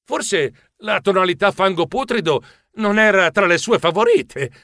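A man narrating a children's story with playful theatricality. His voice sits a bit high and moves expressively, recorded close and dry. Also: lively intonation, unhurried, a bit bright, no echo. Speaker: audiobook narrator.

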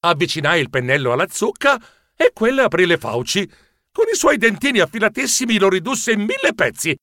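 A man's voice: high voice, sing-song, fairly quick, bright, forceful tone, no room sound, studio quality. Playful Italian-sounding story narrator, man. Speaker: audiobook narrator. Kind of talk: expressive children's story narration.

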